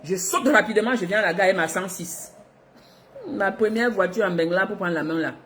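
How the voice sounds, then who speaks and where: Laughing between lines, a middle-aged vlogger from Africa shares a personal story with animated expression. She speaks briskly in a mid-range voice, with slight background noise in the recording.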